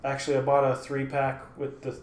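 An easygoing man co-hosting a casual podcast, speaking in halting, stop-start phrases. His voice is mid-pitched. The room rings with echo and a faint hiss. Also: completely flat delivery. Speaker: podcast co-host. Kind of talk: casual chat. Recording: echoey room with faint noise.

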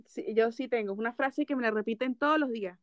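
A woman's voice: on the high side, fast talker, dry recording. Young woman, Venezuelan accent, casual chat, insistent, dry room. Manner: insistent, argues her answers. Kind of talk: casual chat playing a word game.

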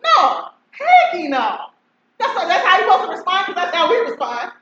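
A woman's voice: very high voice, huge pitch swings, moderate pace, bright, forceful tone. A woman, a guest in a casual barbershop debate, arguing emphatically and laughing as she talks. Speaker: panel guest. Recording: echoey, muffled, faint hiss.

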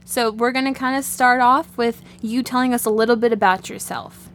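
A woman's voice: fairly high pitch, fairly even intonation, moderate pace, slight background noise. A woman interview host speaking in an informal, enthusiastic, conversational way. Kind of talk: conversational interview for young listeners.

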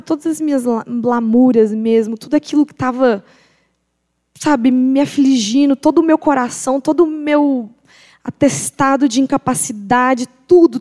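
High-voiced woman, reverberant hall. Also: mellow. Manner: emphatic, confessional, repeats phrases for weight. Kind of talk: personal faith testimony.

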